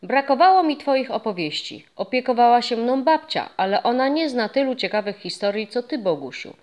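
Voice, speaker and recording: A woman's voice: fairly high pitch, moderate pace, voice pushed up, lightly acted. A woman doing an eager, curious young boy. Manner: lively, curious, pleading.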